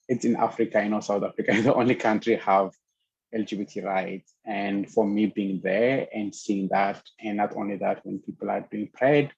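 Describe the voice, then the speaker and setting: Young man from Ethiopia, low gravelly voice, earnest halting talk, dry muffled video call. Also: a little mellow, no echo. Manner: earnest, halting, with frequent pauses. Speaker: guest. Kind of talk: casual panel talk over video call.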